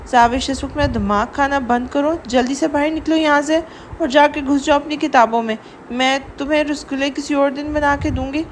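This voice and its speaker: A woman's voice: high voice, fairly even intonation, slight background noise, lightly acted. A woman voicing a strict, exasperated mother who scolds her daughter. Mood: scolding. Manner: stern and scolding.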